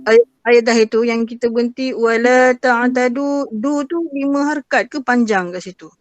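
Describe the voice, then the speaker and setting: Seorang pelajar wanita berloghat Melayu Malaysia bertanya soalan tajwid dengan sopan kepada gurunya melalui panggilan video. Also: female voice, fairly high pitch, a little fast, darkish tone, no room sound, soft background music. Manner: polite, questioning. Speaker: student.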